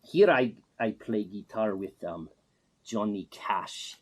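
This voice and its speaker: A man playing an eccentric self-proclaimed pop star with a put-on Russian accent, speaking in broken English with a deadpan, boastful manner. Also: fairly low pitch, takes it slowly, husky. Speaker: interviewee.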